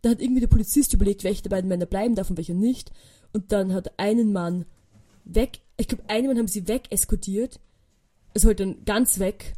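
Fast-talking young woman, mellow voice. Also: medium pitch. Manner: animated, acts out quoted dialogue, chatty with many fillers. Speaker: podcast host. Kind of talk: casual storytelling monologue.

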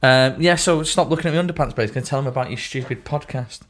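A man's voice: mid-range voice, fast talker, fairly bright tone. A man co-hosting a casual podcast, teasing his friend and swearing freely. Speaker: podcast co-host.

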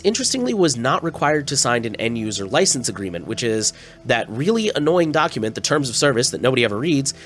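Stuffy-nosed and a little scratchy from a cold, a male news podcast host reads stories in a mid-range, somewhat bright voice. He keeps it plain and conversational, tossing in casual asides.

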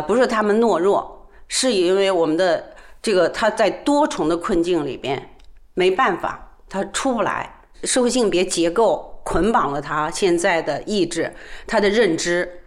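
In an interview, a domestic violence trainer with a fairly low-pitched voice lays out her perspective in earnest. She hesitates often, using frequent fillers.

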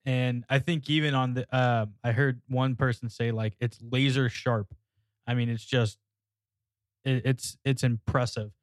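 A man talking casually on a sports podcast, prone to laughter and restarts. His voice sits at an everyday pitch. The sound is dry and close, with no room around it. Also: steady tone, a little slow, dry recording. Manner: chatty, laughs often, repeats words. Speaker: podcast co-host.

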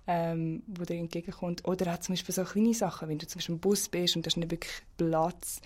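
A woman with a Swiss German accent talks quickly in a lowish voice, chatting frankly as a guest. She often restarts her sentences mid-thought. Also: flat delivery. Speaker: interview guest. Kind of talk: casual personal conversation.

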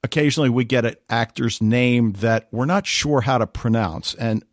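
A man's voice: medium pitch, moderate pace, no echo, studio quality. A man co-hosting a podcast, chatting casually and telling stories with animation. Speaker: podcast co-host.

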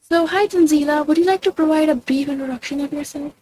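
A woman's voice: sits high, quick pace, darkish tone, slight background noise. A woman hosting an interview, reading formal prepared questions. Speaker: interview host.

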